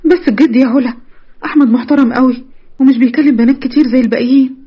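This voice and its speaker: A woman voicing a shy, nervous young college girl with an Egyptian accent, pitching her voice high and jittery. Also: steady tone, very fast, slightly rough, muffled recording. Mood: tender. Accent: Egyptian Arabic.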